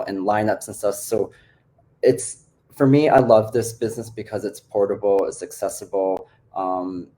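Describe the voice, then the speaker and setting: Male coach born in the Philippines, very low voice, relaxed and filler-heavy, on a video call. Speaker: business coach. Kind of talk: casual online group call.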